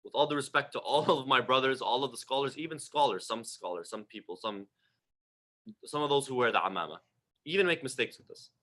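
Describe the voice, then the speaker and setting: A man's voice: medium pitch, a little fast, fairly bright tone. A man giving a religious lecture, direct and emphatic, full of rhetorical questions aimed at his listeners. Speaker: religious teacher.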